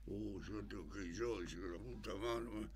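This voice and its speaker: A man's voice: on the low side, normal speed, background noise. A man telling jokes on a radio talk show, acting out the characters in his stories. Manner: animated storyteller acting out characters. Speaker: joke-telling radio guest.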